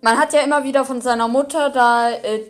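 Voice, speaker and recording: A woman's voice: high voice, steady tone, fairly quick, faint music behind. A woman hosting a casual reaction video, rambling, giggly and apologetic.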